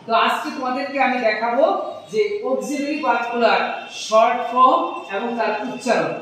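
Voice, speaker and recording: A man teaching an English grammar lesson to his students. He asks questions and answers them himself, and drags out recited word pairs slowly. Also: extremely high pitch, pushed and bright, slight background noise. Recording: very echoey room, mic at a distance.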